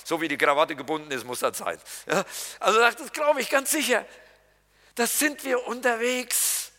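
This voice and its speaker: A man's voice: high voice, animated, normal speed, bright, forceful tone. A man preaching a sermon as pastor, colloquial and jokey, talking straight to his congregation. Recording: reverberant hall.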